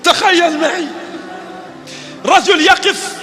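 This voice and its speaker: Male preacher going all in, bright ringing voice, yelling a lot. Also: very high-pitched, steady tone, slow, in a large hall, faint music behind. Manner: fervent, often shouting. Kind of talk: impassioned sermon.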